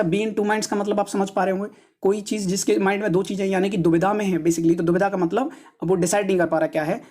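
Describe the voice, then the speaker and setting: A woman with a husky, slightly breathy voice coaches students through an exam practice set. She pitches a little low for a woman and talks casually, repeating each word and spelling it out letter by letter. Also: warm tone. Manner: casual, keeps calling viewers brother, repeats words and spells them out letter by letter. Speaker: exam-prep teacher. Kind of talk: solving an English test paper aloud.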